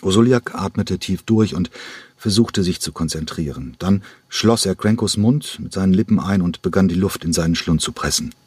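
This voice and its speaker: A man reading a thriller audiobook in a measured, dramatic way. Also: low-pitched, darkish tone, breathy edge, no echo. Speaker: audiobook narrator. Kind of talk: scripted thriller narration.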